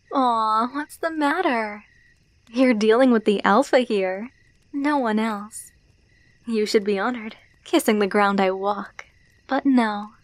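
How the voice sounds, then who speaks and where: A woman with a fairly high voice plays a menacing, possessive female alpha werewolf in an ASMR roleplay, teasing and domineering, slipping into whispers. There's no echo.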